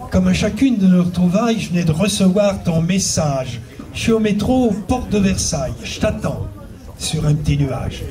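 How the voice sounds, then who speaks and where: A man reciting a spoken-word slam poem in a measured, lyrical way. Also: high-pitched. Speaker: slam poet. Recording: distant stage mic.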